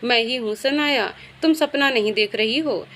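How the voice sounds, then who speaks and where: A woman voicing a gentle, devoted young man in a storybook reading. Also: fairly high pitch, moderate pace, lightly acted. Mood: tender.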